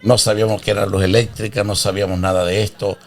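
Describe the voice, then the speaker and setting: Older man, low earnest voice. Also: level tone, faint music behind. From Venezuela. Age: 60s. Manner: earnest, proud, unhurried storytelling. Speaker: interview guest, father of host. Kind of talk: casual interview.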